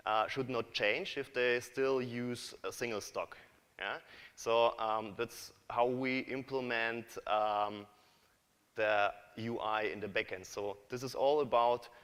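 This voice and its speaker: A man from Kazakhstan presents at a tech conference, halting often with fillers and restarts. His voice is smooth and resonant at a middle pitch. Long reverb from a large hall trails his words. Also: a bit bright. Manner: hesitant, many fillers and restarts. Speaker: conference speaker, developer.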